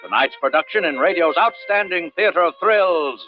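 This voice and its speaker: A man's voice: fairly high pitch, animated, moderate pace, over music. A man announcing a show in a formal, old-time radio style. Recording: dull vintage radio recording.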